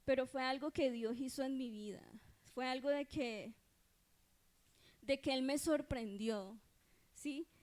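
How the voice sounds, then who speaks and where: A woman with a Colombian accent speaks in a high voice during a church sermon. She tells her testimony in an earnest, conversational way, often pausing to ask whether listeners follow. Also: darkish tone.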